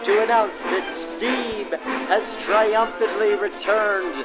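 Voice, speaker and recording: A man hosts and interviews in the style of a 1940s radio reporter, delivering scripted narration and field interviews backdated to that era. His high voice keeps a steady tone and moves slowly. The band-limited, phone-quality 1940s-style sound has loud music behind him.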